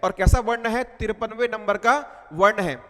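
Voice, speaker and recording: A man with a high voice gives an exam-prep lecture, going over each point several times and quizzing the class with questions as he goes. His voice rings with a long reverb, as if in a big hall. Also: steady tone, normal speed, a bit bright. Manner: repetitive, quizzing students with questions. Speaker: teacher.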